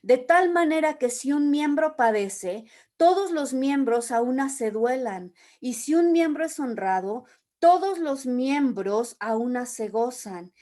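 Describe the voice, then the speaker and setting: A woman's voice: high voice, animated, measured pace, warm tone. A woman leading a Bible study, reading scripture aloud and explaining it with everyday examples. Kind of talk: Bible teaching.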